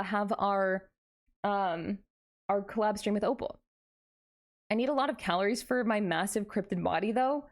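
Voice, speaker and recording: A woman hosting a casual livestream, chatting playfully back and forth with her viewers. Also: medium pitch. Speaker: variety streamer, VTuber host.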